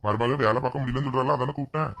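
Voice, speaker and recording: A woman voicing an elderly grandfather who is a calm father-in-law and mildly scolds. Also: a bass voice, rapid-fire, pitched below the performer's own voice. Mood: coaxing.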